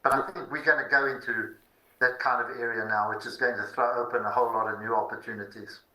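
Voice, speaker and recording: Very bright, forceful man. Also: medium pitch, fairly even intonation, quick pace. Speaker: investment professional guest. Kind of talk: unscripted market commentary. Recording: echoey room sound.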